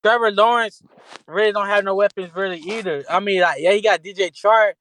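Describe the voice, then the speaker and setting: A man's voice: high-pitched, brisk, a bit bright, slight background noise. A man co-hosting a sports podcast in loose, slangy casual talk, often restarting his sentences. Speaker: podcast co-host.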